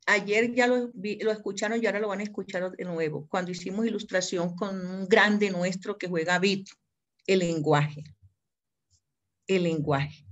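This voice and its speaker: A woman with a Colombian accent giving a live university law lecture, emphatic and digressive, calling on students by name and spelling words out. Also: mid-range voice.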